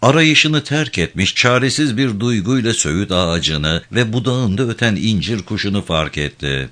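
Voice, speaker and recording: Brief: male audiobook narrator, very low voice, animated and expressive delivery. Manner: expressive, measured storytelling.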